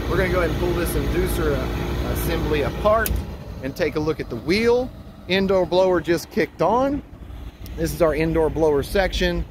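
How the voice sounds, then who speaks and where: A man in his thirties, an HVAC technician, casually talking viewers through a rooftop unit repair while he works. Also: a little high. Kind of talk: casual on-the-job instruction. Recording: outdoor traffic noise behind.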